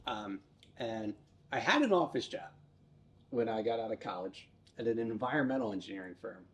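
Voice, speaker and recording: A man's voice: lowish voice, lively intonation, normal speed, a bit bright. A middle-aged man telling his life story as an interview guest, joking and self-deprecating in a casual chat. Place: in a theater building.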